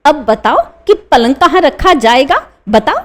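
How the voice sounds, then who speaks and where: Radio play: furious quarrelsome wife, a woman voicing her, high, shouting. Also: very animated, a little slow. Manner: shouting demands. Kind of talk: one-reader radio play.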